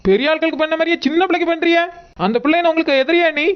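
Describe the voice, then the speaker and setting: A woman's voice: extremely high pitch, dull audio. A woman playing a defiant college girl who angrily confronts her sister-in-law over her sister and baby. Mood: angry. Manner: angry, confrontational, fast. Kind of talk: amateur family drama acting.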